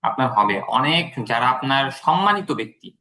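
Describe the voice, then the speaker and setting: A man from Bangladesh explains English pronunciation to a student. His voice is bright and clear at an ordinary pitch. He talks patiently, padding his points with fillers. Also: very animated, a little fast. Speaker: English tutor.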